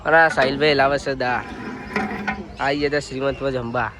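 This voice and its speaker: A man's voice: medium pitch, normal speed. Guy showing stuff off on a phone vid, upbeat, lots of noise behind. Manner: lively, showing things off to the camera. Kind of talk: casual vlog chat. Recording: phone video with steady background noise.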